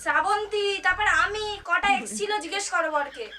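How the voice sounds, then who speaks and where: A young adult woman with a West Bengal Bengali accent makes an animated prank phone call, scolding theatrically in a dramatic, insistent, accusing manner. Her voice is very high-pitched and a little fast, with background music behind her.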